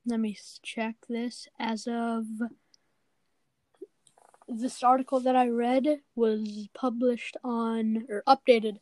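Chatty teenage girl, fairly high voice. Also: level tone, slow pace, darkish tone, no echo, low-quality recording. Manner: chatty, hesitant with fillers. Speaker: podcast host. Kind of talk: casual chat.

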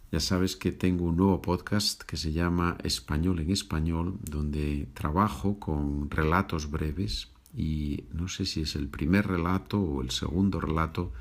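A language teacher gives a podcast lesson from home, speaking slowly and repeating each phrase before switching to English to explain it. His voice is low-pitched and creaky.

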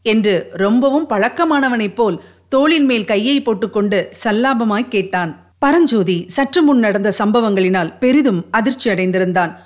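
A woman's voice: a little high, normal speed. Woman reading a historical tale aloud. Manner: steady, expressive reading. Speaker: audiobook narrator. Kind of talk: storybook narration of a historical novel.

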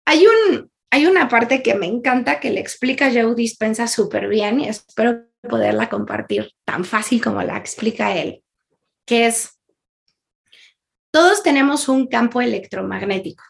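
A woman talks openly in an interview, her fairly high voice carrying a lot of vocal fry. She laughs easily, fills pauses with small hesitations, and keeps a sincere, chatty tone. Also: big pitch swings. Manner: earnest, laughs often, many fillers. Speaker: interview guest. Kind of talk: candid conversational storytelling.

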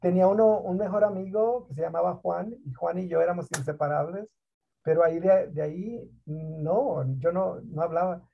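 A middle-aged man from Mexico, a guest on a talk program, telling his story in an animated, emphatic way and dropping in English words. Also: sits high, moderate pace, vocal fry, slight background noise. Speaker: guest, school district program director. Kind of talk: conversational interview storytelling. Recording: dull lo-fi online call audio.

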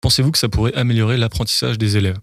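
A man's voice: mid-range voice, steady tone, very fast, no room sound, clean studio sound. A man, hosting a casual podcast. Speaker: podcast host. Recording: prominent music behind the voice.

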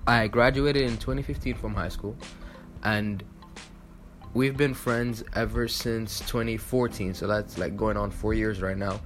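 Young guy rambling to the camera, lots of ums and restarts, lowish voice. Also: fairly even intonation, unhurried, fairly bright tone, soft background music. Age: 20s. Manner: rambling, filler-heavy, restarts often. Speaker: vlogger. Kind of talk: casual talk to camera.

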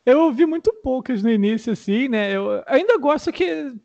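A man's voice: extremely high pitch, lively intonation, moderate pace, creaky, a little mellow, dull audio. A man with a Brazilian accent, a streamer hosting his own channel, chatting casually in a loose, slangy and profane way. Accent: Brazilian Portuguese. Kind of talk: casual chat.

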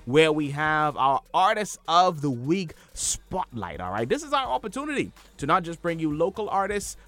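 Lively radio host, pitch swooping up. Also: male voice. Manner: hype-man delivery, swooping pitch. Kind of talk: radio show hosting. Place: radio studio.

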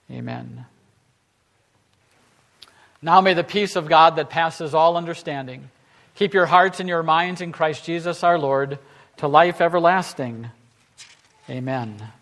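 A pastor leading a church service, reciting prayers and blessings in a measured, solemn way, with a long church reverb behind his voice. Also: on the high side, fairly bright tone. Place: large church sanctuary.

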